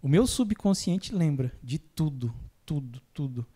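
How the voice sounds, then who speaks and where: A man's voice: animated, a little slow, dark tone, breathy edge. Easygoing Brazilian-style man explaining therapy. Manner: acts out clients' lines in a higher voice, laughs easily. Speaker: podcast host, phobia therapist. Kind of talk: casual explanatory chat.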